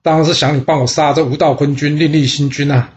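A man's voice: fairly high pitch, fairly even intonation, quick pace, close to an everyday voice. A man voicing a proud, defiant ancient nobleman who schemes against his ruler. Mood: scornful.

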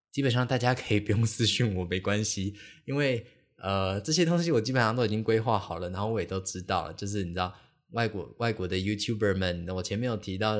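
A young man hosting a podcast, telling a casual, rambling story full of fillers and restarts and acting out the people he quotes. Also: low voice. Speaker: podcast host.

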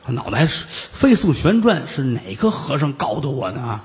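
A man performing traditional Chinese storytelling, lively and exclamatory with quick asides. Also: medium pitch.

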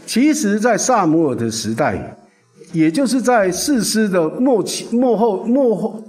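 Male pastor, animated storyteller, fairly high voice. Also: unhurried, soft background music. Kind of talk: sermon.

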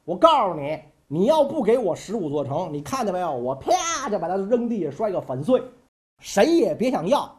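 A man voicing a bold, fiery male envoy who blusters and shouts threats. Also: sits high, big pitch swings, fairly quick, hardly any pauses. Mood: defiant.

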